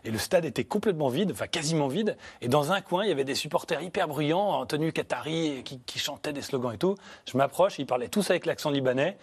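A man's voice: a little high, lively intonation, fast, slightly rough. A man speaking as a journalist guest on a panel, telling a story casually with many fillers. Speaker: journalist and documentary maker. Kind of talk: studio panel discussion.

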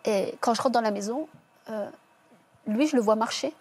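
Interviewee, female, husky higher voice; subdued, halting testimony full of restarts. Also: darkish tone. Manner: halting, with many restarts and self-corrections. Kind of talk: personal testimony.

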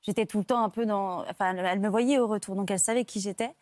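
A woman's voice: medium pitch, fast talker, no room sound, clean studio sound. A woman from France, an actress and stand-in, telling her stories as a talk show guest with many fillers. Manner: lively storytelling with many fillers.

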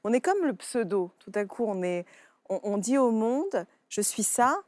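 A woman author talking in a lively, playful way on a TV talk show, often repeating words. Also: a little high, unhurried, no room sound. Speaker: author guest. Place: TV studio.

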